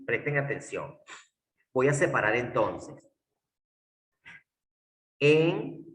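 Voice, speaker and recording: A man teaching a class, speaking slowly and emphatically, repeating key points and checking in with his students. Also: on the high side, fairly bright tone. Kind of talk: classroom lesson. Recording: echoey classroom from far off.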